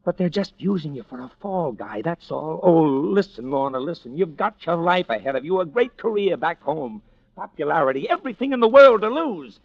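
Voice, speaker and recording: A man's voice: on the high side, very animated, moderate pace, dry recording. An actor playing a cynical, urgent American tough guy, slangy and sardonic, in an old-time radio drama. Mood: pleading. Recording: muffled vintage radio recording.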